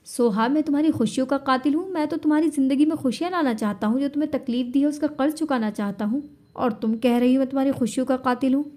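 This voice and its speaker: Woman doing a brooding possessive young husband, teasing then pleading, audiobook drama, higher-pitched. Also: lively intonation, dark tone, close to an everyday voice.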